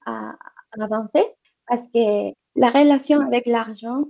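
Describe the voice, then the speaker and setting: This economic development representative, a woman interviewed on women's entrepreneurship, has a highish, gravelly yet mellow voice and an unhurried delivery. She answers hesitantly, full of fillers and restarts. The sound is muffled and lo-fi.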